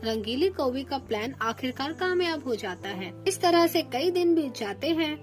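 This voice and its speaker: A woman narrating a children's cartoon story in a steady storytelling manner. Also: high-pitched, moderate pace, soft background music.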